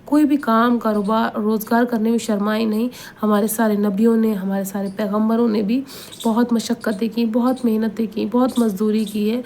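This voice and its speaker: A woman speaks in a somewhat high, mellow voice, delivering Islamic motivational advice. She talks earnestly and repeats her points with a pleading tone, often turning to the listener for agreement. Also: flat delivery, slight background noise.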